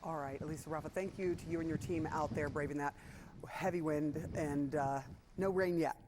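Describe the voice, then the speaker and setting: A woman's voice: deep voice, fairly even intonation, normal speed. Woman news anchor over a noisy feed. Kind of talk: live anchor interview.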